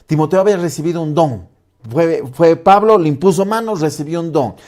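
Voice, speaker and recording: A man preaching a sermon as pastor, swinging from loud bursts to hushed lines and acting out doubting voices. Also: on the high side, a little fast. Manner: acts out doubting voices in quotes.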